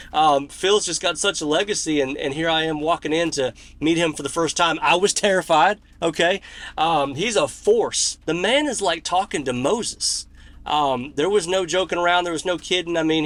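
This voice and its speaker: A man telling a personal story to camera in a folksy, earnest way. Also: fairly high pitch. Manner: earnest, folksy, animated when retelling. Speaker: country music vlogger.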